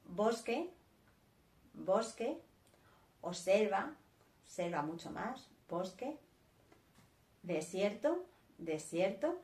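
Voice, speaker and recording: A woman teaching a vocabulary lesson, saying each word slowly and twice with a Spanish accent. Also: medium pitch, sing-song, darkish tone, reverberant. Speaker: sign language teacher. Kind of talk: slow vocabulary lesson, naming words one by one.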